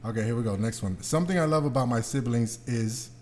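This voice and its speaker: This podcast host talks fast in a mid-range, somewhat dark voice, bantering and ribbing others with lots of profanity in a loose group conversation. There's a slight hiss or hum in the recording.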